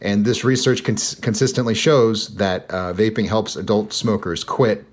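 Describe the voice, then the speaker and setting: A man with a lowish voice hosts a podcast in relaxed conversation. He jokes and turns sarcastic at times, and he leans on fillers as he explains things. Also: moderate pace. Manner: joking, sarcastic, lots of fillers. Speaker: podcast host. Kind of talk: casual podcast chat.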